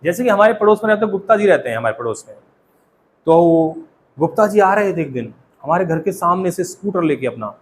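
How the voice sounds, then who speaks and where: A fairly high-pitched man with an Indian accent teaches a classroom of students in a lively way. He slows down to model each English phrase and quizzes the class often. A faint hum of room noise sits behind him. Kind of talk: classroom lesson.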